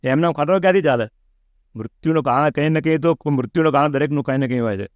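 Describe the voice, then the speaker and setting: A middle-aged man, an interview guest, telling a personal pilgrimage story in an animated way and acting out the lines he quotes. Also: a little high, quick pace, no echo. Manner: animated, acts out quoted speech.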